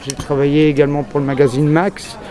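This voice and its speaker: Amid outdoor crowd and traffic noise on a busy city street, a French journalist gives a frank street interview, wandering through a long story full of fillers. He speaks briskly in a fairly high voice with little pitch movement.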